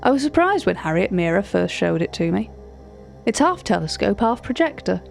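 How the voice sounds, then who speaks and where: This woman's medium-pitched voice swings widely in pitch, has vocal fry, and moves at a normal speed against faint music. In an audio fiction, she narrates as a cultured, wry art-catalogue guide recounting uncanny encounters, sounding formal, precise and drily opinionated. Hushed unease runs through it, tinged with wryness.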